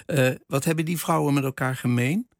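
A man's voice: medium pitch, brisk, no echo, studio quality. A man interviewing an author on the radio, asking conversational questions with plenty of fillers.

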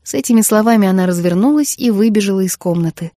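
A woman narrating a novel for an audiobook in a measured storytelling manner. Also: medium pitch, warm tone, no echo, studio quality. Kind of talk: scripted narration.

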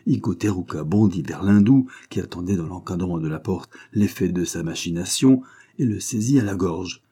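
A man reading a novel aloud as an audiobook narrator, in a measured, even storytelling manner. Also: sits low, breathy edge. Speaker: audiobook reader.

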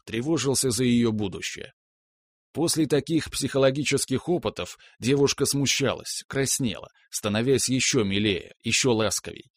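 A man calmly narrating a first-person story as an audiobook reader. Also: medium pitch, no echo. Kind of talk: scripted narration.

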